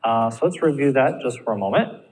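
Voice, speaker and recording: A man's voice: medium pitch, animated, brisk, a little mellow. Encouraging male ESL teacher, reverberant room. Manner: encouraging, checks in with frequent "all right?". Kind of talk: recorded classroom lecture. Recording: reverberant room with faint ambient noise.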